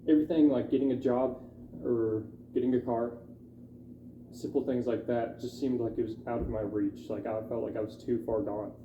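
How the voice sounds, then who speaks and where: A young man telling his personal testimony in a halting, candid way, with many fillers. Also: mid-range voice, steady tone, mellow, slight background noise. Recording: dull echoey room recording.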